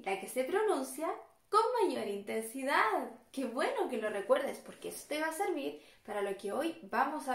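A woman's voice: sits high, creaky, echoey room. A woman teaching young children in a cheerful video lesson and asking them questions.

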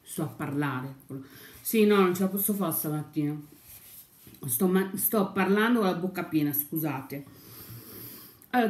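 A woman's voice: low voice, warm tone. A young woman chatting casually on her vlog over breakfast, rambling and sometimes talking with her mouth full. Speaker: YouTuber. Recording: echoey room.

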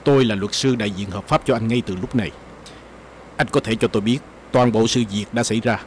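A man's voice: fairly low pitch, fairly even intonation, slight background noise, natural voice. An actor playing a composed male lawyer who speaks formally. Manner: formal, measured.

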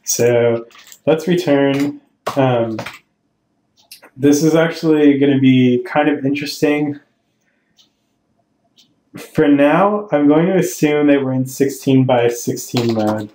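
In a reverberant, somewhat noisy recording, a medium-pitched man walks through programming on a screen capture, thinking out loud and correcting himself as he explains. Typing and mouse clicks sound in the background.

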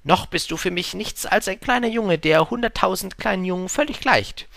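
A man voicing a talkative, wistful male fox in an audiobook, speaking up with a lively, pleading tone. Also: high-pitched, moderate pace, vocal fry, dry recording, studio quality, pitched above the performer's own voice. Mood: earnest. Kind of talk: audiobook reading.

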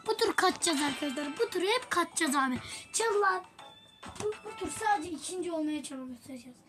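A woman giving casual gameplay commentary to her viewers, excitable, swinging between yelling at opponents and quiet apologies. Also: high voice, rapid-fire, music in the background. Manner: casual slangy talk to viewers. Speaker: gaming YouTuber.

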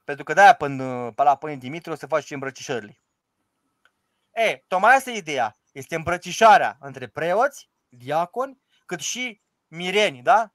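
A man's voice: a little high, big pitch swings, fairly bright tone, no room sound. A man who is an Orthodox priest, explaining the liturgy in an emphatic, rhetorical way and quoting its prayers aloud. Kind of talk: informal teaching discussion.

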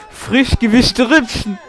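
A man's voice: very high-pitched, slow, a bit bright. A man giving sarcastic, joking commentary on wrestling in mock indignation.

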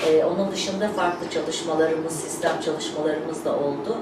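A woman's voice: low-pitched, steady tone, unhurried. Woman doing an informal thank-you speech, emphatic, repeats herself, echoey and a bit far from mic. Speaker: company representative hosting a showroom opening. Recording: echoey room, distant mic, noisy background.

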